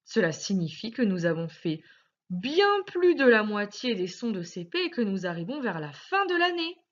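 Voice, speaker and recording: A woman teacher with a French accent, giving a recorded phonics lesson to young children, speaking slowly and articulating every word with sing-song emphasis. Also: medium pitch, big pitch swings, muffled recording. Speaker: primary school teacher.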